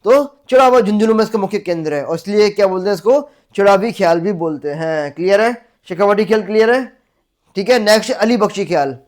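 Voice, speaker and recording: A male teacher with a Rajasthani accent gives an exam-prep lecture, asking "clear?" again and again and repeating facts to drill them. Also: sits high, expressive, fairly quick. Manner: asks the class "clear?" again and again.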